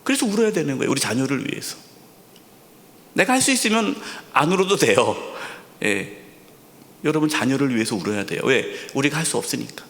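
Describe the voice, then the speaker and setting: A male senior pastor preaching a sermon, asking rhetorical questions, repeating key words, and dropping to a soft near-whisper for emphasis. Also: medium pitch, expressive, a little fast. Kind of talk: sermon at a Friday prayer service. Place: church sanctuary. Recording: long hall reverb in a church sanctuary.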